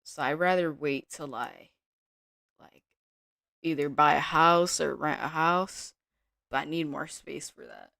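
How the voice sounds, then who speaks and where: A woman day trader giving casual live-stream commentary from her home desk, thinking aloud in a relaxed way with small restarts. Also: low voice, measured pace, vocal fry, long pauses, no echo, clean studio sound.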